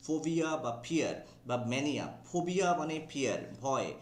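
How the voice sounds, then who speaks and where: A man's voice: a little high, very animated, brisk, darkish tone, roomy sound, a little hiss or hum. A man teaching an exam vocabulary class with a Bengali accent, drawling key English words, spelling them out and often checking that students follow.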